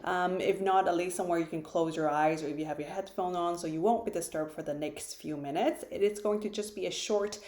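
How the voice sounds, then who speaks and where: A woman who founded a retreat, guiding a meditation in a gentle, unhurried way with soft pauses, seated in her living room. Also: lowish voice, roomy sound. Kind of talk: guided meditation. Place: living room, sitting on a floor cushion.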